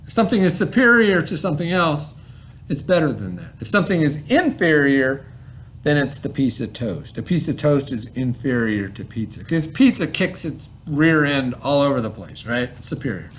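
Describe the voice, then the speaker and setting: This male teacher has a fairly high, sing-song voice with a fairly bright tone, moving at a normal pace, and a little hiss or hum sits under the audio. He's reading aloud and teaching vocabulary to a child informally, explaining conversationally and making sure the child follows.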